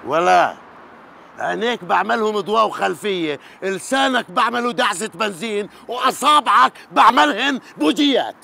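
A rough street valet, his voice high, gravelly and sharp as he hurls quick threats. Faint street noise sits behind him. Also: lively intonation, full character voice. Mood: threatening. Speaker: car valet in a comedy sketch. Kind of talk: sketch comedy acting.

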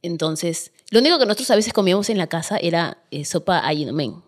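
A woman's voice: on the low side, expressive, fast talker. A Peruvian woman, a guest on a podcast, telling her own story in a casual interview, candid and emphatic.

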